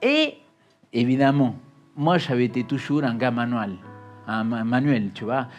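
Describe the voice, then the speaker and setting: A man from Argentina with an Argentine Spanish accent, preaching a sermon as a pastor and telling his story with dramatic swings from loud emphasis to hushed confession. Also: medium pitch, animated, a little slow, muffled recording, soft background music.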